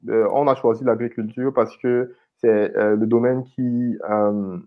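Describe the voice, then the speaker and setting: A man from Cameroon, in his thirties, speaks at an ordinary middle pitch. He talks in a loose, hesitant way, full of fillers and restarts, as an interview guest. The audio sounds slightly dull and lo-fi. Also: flat delivery, measured pace. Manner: hesitant, many repeated words and fillers. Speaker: guest, IT consultant and founder. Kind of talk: casual interview conversation.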